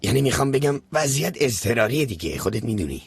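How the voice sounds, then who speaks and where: An actor playing a scheming, desperate uncle in debt who rambles and pushes others, in a dubbed TV drama. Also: male voice, medium pitch, very animated, gravelly, husky, no echo, full character voice. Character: scheming, desperate middle-aged man. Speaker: uncle in debt chasing an inheritance.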